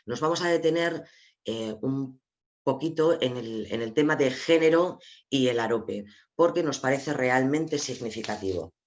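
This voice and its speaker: A man with an Asturian Spanish accent walks his viewers through charts in an online seminar, calm and explanatory. His voice sits at an ordinary middle pitch. The call audio comes through dull and lo-fi. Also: measured pace. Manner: explanatory, addresses viewers directly, sharing slides. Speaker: webinar presenter.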